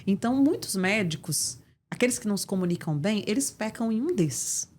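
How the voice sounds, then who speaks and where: With a slight hiss or hum on the audio, a middle-aged woman from Brazil talks a little fast in an expressive, mid-range, somewhat mellow voice. She has a Brazilian Portuguese accent and, as a communication mentor being interviewed, teaches assertively through emphatic examples.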